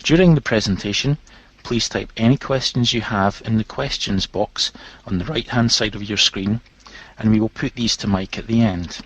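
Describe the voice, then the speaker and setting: Male webinar host, formal scripted intro, low voice, dry muffled recording. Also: breathy edge, no room sound. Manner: formal and measured. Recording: dull, dry lo-fi web audio.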